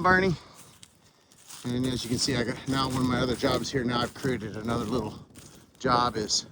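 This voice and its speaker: A man walking around his garden and pond outdoors, a little out of breath, talking in a rambling, relaxed way with many fillers while filming. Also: mid-range voice, noisy background. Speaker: permaculture vlogger. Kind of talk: casual walk-and-talk vlog.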